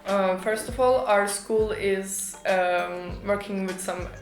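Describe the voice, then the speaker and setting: A woman's voice: medium pitch, steady tone, takes it slowly. A young woman from Turkey with a Turkish accent, answering interview questions informatively as an international student. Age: young adult. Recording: roomy echo, music behind.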